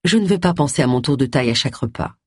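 A reader voicing a sharp-tongued, irritable middle-aged woman detective in an audiobook. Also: medium pitch, animated, rapid-fire, husky, no echo, clean studio sound, pitched below the performer's own voice. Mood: weary. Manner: sharp, exasperated.

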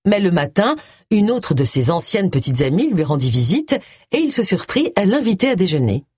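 An audiobook reader doing scripted narration with an expressive, lively delivery. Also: medium pitch, moderate pace, husky, no echo, clean studio sound.

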